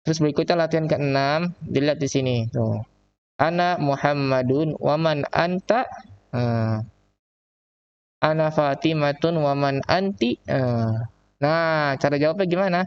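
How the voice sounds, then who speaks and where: A man teaching Arabic with a Jakarta accent, slowly drawing out the example phrases in a recorded online lesson. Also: on the high side, smooth, muffled recording. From Indonesia. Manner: slow, drawn-out reading of example phrases. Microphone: laptop mic.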